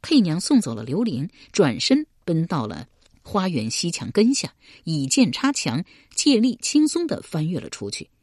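A woman narrating a martial-arts story as an audiobook in a lively, expressive way. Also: fairly low pitch, moderate pace, no echo, studio quality.

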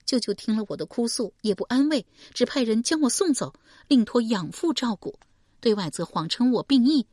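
A woman's voice: fairly high pitch, animated, normal speed, darkish tone, no echo, clean studio sound, pitched above the performer's own voice. A woman voicing a grieving, vengeful young noblewoman in an audiobook, tearful and anguished.

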